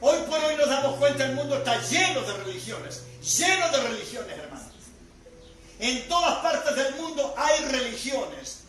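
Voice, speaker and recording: An older man preaching a sermon as pastor, swinging between loud bursts and quiet drops. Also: extremely high pitch, very animated, moderate pace. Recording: echoey hall from far off with music.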